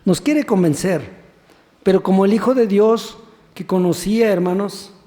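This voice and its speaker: A man's voice: sits high, vocal fry, dark tone. A man, a deacon preaching a sermon who keeps asking rhetorical questions and prompts the congregation to finish verses. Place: church sanctuary. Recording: long church reverb.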